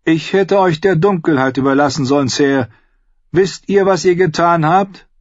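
A man's voice: fairly high pitch, moderate pace, dry recording, dull audio, pitched above the performer's own voice, close to an everyday voice. A man voicing a commanding, fiercely intense female red priestess in an audiobook, raised and insistent. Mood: reproachful.

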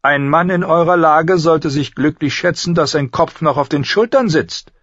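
A man's voice: a little high, normal speed, a bit bright, no echo, voice pushed up. A man voicing a cold, haughty queen who speaks with accusing sharpness, on a slightly dull recording.

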